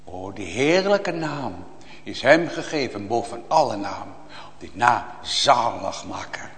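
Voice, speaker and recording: A man preaching a sermon to his congregation, swinging from hushed appeals to loud, impassioned calls. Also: on the low side, expressive, slow, creaky. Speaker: pastor. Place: church. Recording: long reverb of a church hall.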